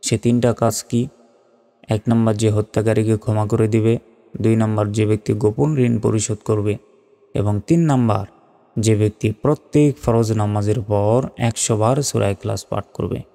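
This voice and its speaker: A man teaching Quran pronunciation, spelling out each Arabic letter and vowel mark, then chanting the verse slowly. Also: lowish voice, fairly even intonation, vocal fry, warm tone, long reverb tail.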